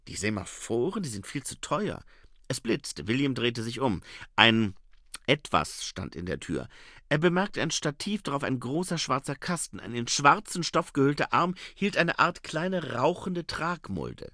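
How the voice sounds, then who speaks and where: A man reading an audiobook with expressive, dramatic narration. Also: medium pitch, a little slow, dry recording, clean studio sound. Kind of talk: scripted narration.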